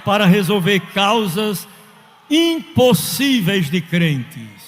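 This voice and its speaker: High-voiced pastor preaching fervently. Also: male voice, big pitch swings, slow, faint music behind. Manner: fervent preaching with story-telling and quoted voices. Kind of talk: sermon. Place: church. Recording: long hall reverb.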